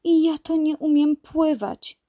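A woman's voice: sits high, measured pace, pitched above the performer's own voice. A woman voicing a timid little female kitten in a children's story. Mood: shy. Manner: timid, then excited and eager.

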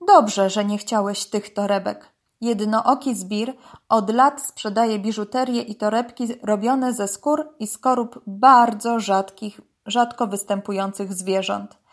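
A woman voicing a stern male crocodile policeman who barks orders and then explains calmly. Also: medium pitch, takes it slowly, few pauses. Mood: calm explaining. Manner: loud commanding, then calm explaining.

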